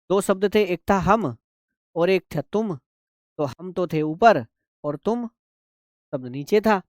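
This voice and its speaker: Patient shorthand teacher, dry close sound. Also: male voice, sits high, smooth, no echo. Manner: patient, repeats steps, checks if students understand. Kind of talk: live online class.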